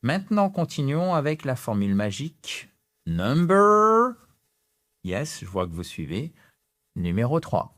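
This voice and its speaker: A man with a French accent teaching English phrases in an animated online lesson, gesturing and stretching out example sentences with rising intonation. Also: medium pitch, moderate pace.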